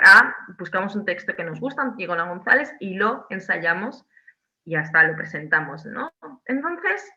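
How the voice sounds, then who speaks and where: A woman from Spain, a theatre director talking as a guest on a video call from home, animated, with many restarts and tag questions. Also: medium pitch, highs cut off. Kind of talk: casual online interview.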